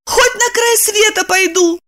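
A woman voicing a desperate, naive young woman in love, with shrill, pleading exclamations. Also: unhurried, pushed and bright, heavily acted. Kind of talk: audiobook narration with voiced characters.

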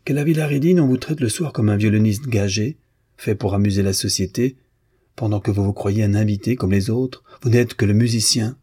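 Un homme lisant à voix haute qui prête sa voix à une jeune femme fière, au ton cinglant et dédaigneux. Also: male voice, lowish voice, a little fast, warm tone, breathy edge. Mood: scornful. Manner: cutting, disdainful. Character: proud young woman, scornful and calm.

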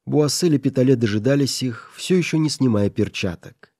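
A man reading a classic story aloud as an audiobook, in a measured, even storytelling manner. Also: mid-range voice, no echo, studio quality. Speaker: audiobook reader. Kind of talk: scripted audiobook narration.

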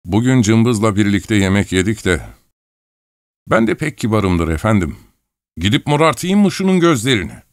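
A man voicing a hot-tempered, combative bald male clerk who blusters and shouts, in an audiobook. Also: fairly low pitch, very animated, moderate pace, no echo, clean studio sound, voice pushed up. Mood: belligerent.

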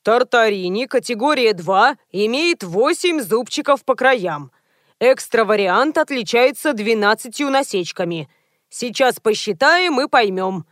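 A woman's voice: a little high, expressive, measured pace, a bit bright, dry recording, studio quality. A woman reading aloud and voicing a stubborn old man who grumbles and nitpicks over details. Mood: grumbling. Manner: grumbling and pedantic.

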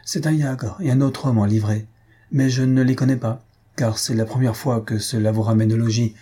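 A man's voice: medium pitch, steady tone, normal speed, dark tone, slightly rough, close to an everyday voice. A man voicing a sly, indulgent old male servant who teases his master with hesitant hints. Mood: teasing. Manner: teasing, hesitant.

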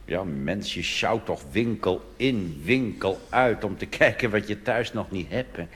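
Recorded live on stage, this man from the Netherlands delivers a wry, chatty cabaret monologue full of asides to audience laughter and applause. He speaks in a lowish, unhurried voice with a fairly bright tone.

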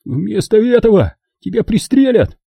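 Man voicing a fed-up gangster, barking, husky, dark, dry audiobook sound. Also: sits high, big pitch swings, measured pace, dry recording, pitched above the performer's own voice, full character voice. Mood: angry. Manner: barking, exasperated shouting. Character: hot-tempered American male kidnapper, fed up.

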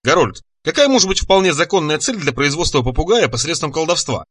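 A man's voice: a little high, animated, fast, fairly bright tone, husky, dry recording. A man as a fussy, nervous scholar. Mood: hesitant. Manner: pedantic, hesitant. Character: fussy middle-aged male scholar, nervous.

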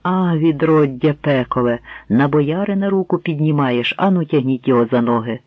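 A man's voice: on the high side, moderate pace, no echo, natural voice. A man voicing an enraged, proud, heavy-set bearded boyar who commands and threatens, on a tinny, dry recording. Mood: furious. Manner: thundering, imperious. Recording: tinny phone-like dry sound.

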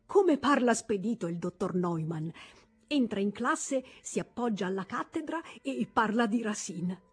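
A woman voicing an excitable, dreamy schoolgirl who gushes and exclaims in an audiobook reading. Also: mid-range voice, measured pace, husky. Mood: gushing. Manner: exclamatory, rising and gushing. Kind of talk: audiobook character voice.

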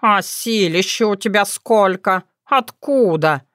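A reader voicing a cautious, curious talking cat with slow, drawn-out questions. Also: medium pitch, a bit bright, no room sound, clean studio sound. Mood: nosy. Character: wary talking cat, chatty and nosy.

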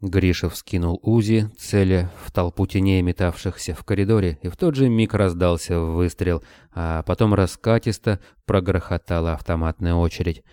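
A man narrating an audiobook in a steady, measured reading. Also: sits low, clear, resonant tone, no room sound.

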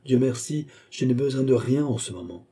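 Man doing a proud young queen, imperious, brisk, dark husky tone, storybook reading. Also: mid-range voice, expressive. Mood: lively.

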